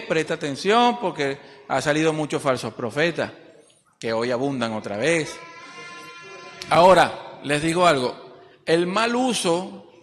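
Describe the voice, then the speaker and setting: A man preaching a sermon at a church service, animated, acting out quoted dialogue and sometimes pausing to search for words. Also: on the high side, a little hiss or hum. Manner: searching for words mid-sentence. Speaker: pastor. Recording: long reverb of a church hall.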